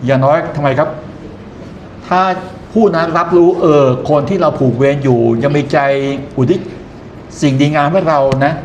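A man's voice: a little high, normal speed, a little hiss or hum. A man lecturing in an explanatory way, often posing questions to his listeners and then answering them himself. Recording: echoey room, faint ambience.

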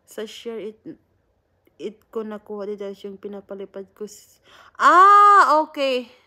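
A woman's voice: mid-range voice, fairly even intonation, moderate pace, darkish tone. A Filipina woman, chatting casually on a livestream, greeting viewers by name and laughing often. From Philippines. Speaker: livestream host.

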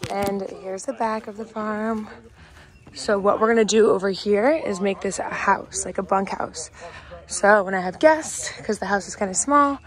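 Outdoors on her farm, a woman in her twenties excitedly shows off her horse property in a casual vlog, speaking to a phone camera held at arm's length. Her voice is medium in pitch and her pace is normal as she moves between a barn roof and a pasture.

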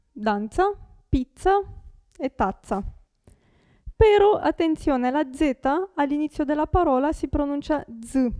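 A young woman with a native Italian accent gives a pronunciation lesson, speaking at a very slow, deliberate pace. Her voice sits high but sounds mellow, and she repeats each example word with careful articulation. The recording is dry and close. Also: no room sound. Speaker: Italian teacher.

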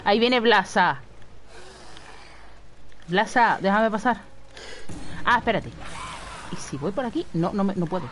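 Young woman streamer, lively pitch, swears and shouts at enemies. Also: unhurried, long pauses, slight background noise. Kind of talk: live gameplay commentary.

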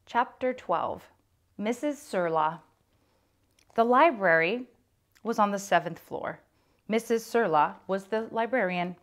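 A woman reading a children's chapter book aloud with clear, expressive storytelling. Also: medium pitch, unhurried, long pauses.

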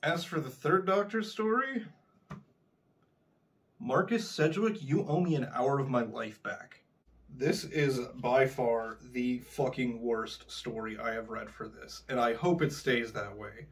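A man's voice: mid-range voice, unhurried. Male book reviewer, mid-range voice, sarcastic scripted delivery, slightly distant mic. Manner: sarcastic, swears when frustrated.

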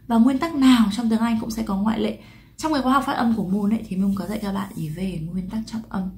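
A Vietnamese woman with a medium-pitched, slightly mellow voice gives a quick English pronunciation lesson to camera, with faint noise in the background. Chatting with viewers, she asks and answers her own questions and stretches the sample words.

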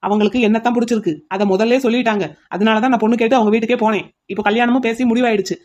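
A woman voicing a loud, indignant young man who is the fiancé in a cartoon. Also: on the high side, fairly even intonation, rapid-fire, lo-fi sound, lightly acted.

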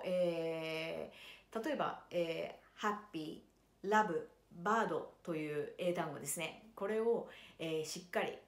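Low-voiced woman teaching jazz pronunciation. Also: echoey room. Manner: calm explanatory pace with frequent fillers; slows to model English words carefully. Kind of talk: spoken lesson introduction.

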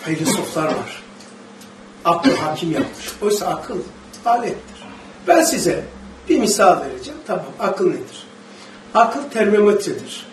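Man, Turkish accent, religious teacher, impassioned sermon, high voice, distant mic, echoey hall. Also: big pitch swings, a little slow, pauses often, a little hiss or hum. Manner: impassioned, rising to high emphatic bursts; quotes Arabic verses, asks the audience questions. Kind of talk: Quranic study sermon. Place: mosque or study hall.

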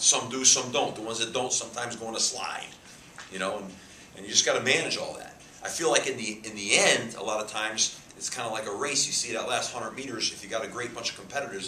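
A man's voice: on the low side, bright, forceful tone. A man in his fifties, a head football coach answering at a press conference, emphatic, repeating words and gesturing. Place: press room with a sponsor backdrop. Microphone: table mic cluster. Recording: echoey room, faint hiss.

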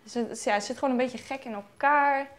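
A woman's voice: high voice, fairly quick. A young woman vlogger chatting casually as she unboxes toy horses at home, correcting herself and giggling now and then. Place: at home in sunlight.

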